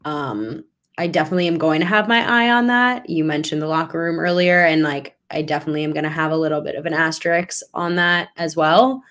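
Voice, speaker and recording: Speaking briskly in a deep voice, this young woman runs a sports podcast. Her casual chat turns animated and emphatic, building as she goes.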